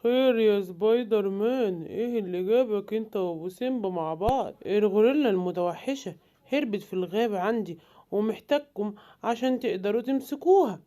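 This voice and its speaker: A woman voicing a male dinosaur hero in a cartoon, with an Egyptian Arabic accent and a slow, deliberate way of talking. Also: medium pitch, warm tone, pitched below the performer's own voice, natural voice. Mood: steady.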